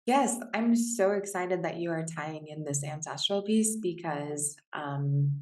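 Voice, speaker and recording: A woman's voice: low-pitched, measured pace, a little mellow. A woman from Washington State hosting a podcast interview in an upbeat, enthusiastic way. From Washington State, USA. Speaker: podcast host.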